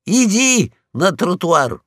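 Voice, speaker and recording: A man voicing a pompous, bossy male guard dog in a storybook reading, loud and commanding. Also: high-pitched, sing-song, takes it slowly, no room sound, studio quality, pitched above the performer's own voice, exaggerated voice.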